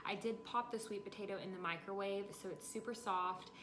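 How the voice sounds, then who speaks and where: Recovering from dental surgery and a bit tired, a vlogger in her twenties walks viewers through things step by step in a casual chat from her home kitchen. She speaks briskly in a mid-range, fairly bright voice with fairly even intonation. The kitchen echoes and background noise is clear, recorded by a camera or phone set a short way off.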